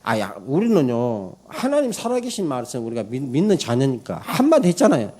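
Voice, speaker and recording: Male pastor preaching sunday service in church, dark mellow voice, rambles thru a story with lots of uh and um. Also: medium pitch, huge pitch swings, fairly quick. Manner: emphatic preaching, calls for amens; rambling storytelling with many fillers. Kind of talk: Sunday morning sermon.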